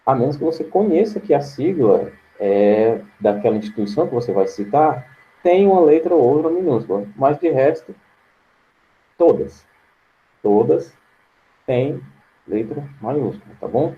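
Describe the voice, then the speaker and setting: A male teacher with a Brazilian Portuguese accent giving an online grammar lesson, patient and slow, repeating words to his students. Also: medium pitch, lively intonation, dull audio.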